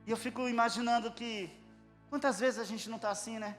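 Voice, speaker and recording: A man preaching an impassioned sermon, bursting into shouted praise. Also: very high-pitched, fairly even intonation, fairly quick. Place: church hall. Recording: echoey church hall with music.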